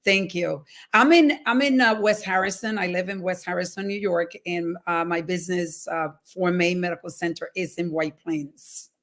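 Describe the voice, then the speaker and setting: Woman, lowish voice. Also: fairly even intonation, normal speed, few pauses, a bit bright. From Dominican Republic. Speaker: guest. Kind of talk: interview answers.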